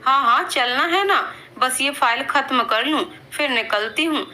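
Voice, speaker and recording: A woman voicing a feisty, quick-tempered young woman office worker who banters with her friends in a told story. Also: sits high, pushed and bright. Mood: bantering.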